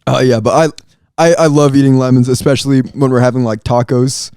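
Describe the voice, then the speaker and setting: A man's voice: medium pitch, fairly even intonation, fairly quick, a little mellow, clear, resonant tone, no room sound, clean studio sound. Man casually chatting while eating sour candy. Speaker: podcast co-host. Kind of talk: casual chat, taste-testing sour candy.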